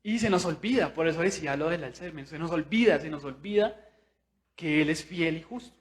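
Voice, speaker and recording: A young man preaching a sermon in a church, chatty and animated, asking his listeners questions and acting out what people think. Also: a little high, fairly quick. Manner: conversational, with tag questions; animated, acts out inner voices.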